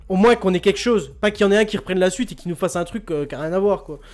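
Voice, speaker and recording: Man, high voice, quiz host, jokey, repeats himself, faint music behind. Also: racing. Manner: joking, laughs often, repeats words. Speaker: host of an online quiz radio show. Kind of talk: casual quiz hosting, chatting with listeners.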